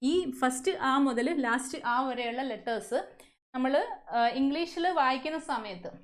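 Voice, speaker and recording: Female teacher, Malayali accent, high voice, quizzes her class and answers her own questions. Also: moderate pace. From Kerala, India. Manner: asks the class many questions and answers them herself. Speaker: English teacher at a coaching centre. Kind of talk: classroom lesson.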